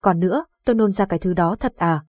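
A woman's voice: on the low side, fast talker, darkish tone, no room sound, close to an everyday voice. A woman voicing a young man just recovering from illness, faint and blunt with his friend. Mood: curious.

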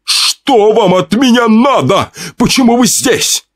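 A composed master of the house speaks in a soothing, measured tone, as a male narrator does him. His voice stays steady and reassuring. The sound is close and dry. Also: mid-range voice, no echo, lightly acted. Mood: panicked. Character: composed mustached head of the household.

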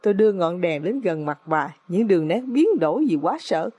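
A woman's voice: fairly low pitch, lively intonation, a little fast, dark tone, breathy edge. A woman narrating an audiobook in a dramatic, suspenseful storytelling manner.

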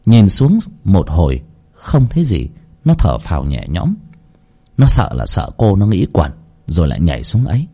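A man's voice: low-pitched, wildly swooping pitch, normal speed, mellow, husky. A man narrating a ghost story with a dramatic, swooping delivery.

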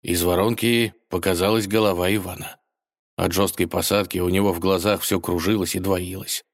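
A man narrating a fairy tale for children, gently addressing his listeners directly. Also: deep voice, steady tone, moderate pace.

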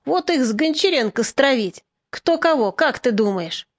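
A woman reading an audiobook, voicing an excitable young male assistant commander who talks eagerly. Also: high voice, normal speed, dry recording. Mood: excited.

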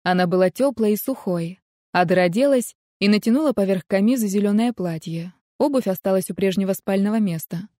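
A woman's voice: medium pitch, fairly quick, mellow, no echo, clean studio sound. Woman narrating a romance audiobook.

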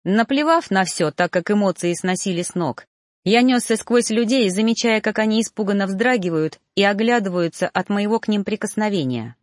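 A woman's voice: mid-range voice, lively intonation, normal speed, dry recording, clean studio sound. Woman reading an audiobook expressively. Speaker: audiobook reader. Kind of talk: first-person audiobook narration.

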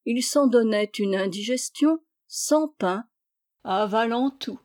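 A woman reading a classic story aloud in measured, descriptive narration. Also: fairly high pitch, a little mellow, no room sound, clean studio sound. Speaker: reader.

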